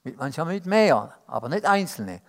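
A man giving a sermon, reflective and unhurried, pausing with fillers as he explains. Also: a little high, very animated. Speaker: preacher.

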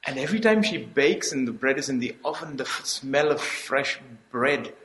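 A man's voice: medium pitch, lively intonation, normal speed, a bit bright, a little hiss or hum. Man preaching in an echoey hall. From Middle East. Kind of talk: sermon with live interpreter. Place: hall without audience.

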